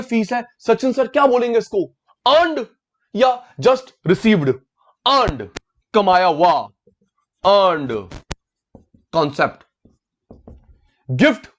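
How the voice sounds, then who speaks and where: A man teaching an online class, calling on students by name, repeating key words and mixing English terms into his talk. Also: high-pitched. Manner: mixes English terms into Hindi.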